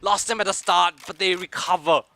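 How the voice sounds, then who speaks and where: A man doing excited play-by-play commentary of an esports match, his voice going hoarse. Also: high voice. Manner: rapid hype calls, shouting at big plays. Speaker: esports caster.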